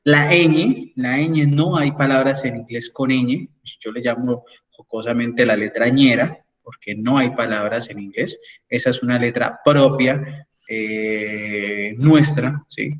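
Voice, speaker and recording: A man's voice: mid-range voice, slow, recorded from a distance, muffled recording. A man lecturing an engineering class online, explaining step by step and checking in with his students as he goes. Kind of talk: online class with screen sharing.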